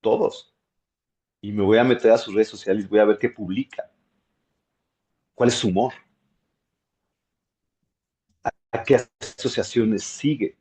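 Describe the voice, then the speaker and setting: Guy voice coach giving a masterclass, lowish mellow voice, animated, repeats stuff for emphasis. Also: moderate pace, pauses often. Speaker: voice and speaking coach. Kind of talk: masterclass teaching.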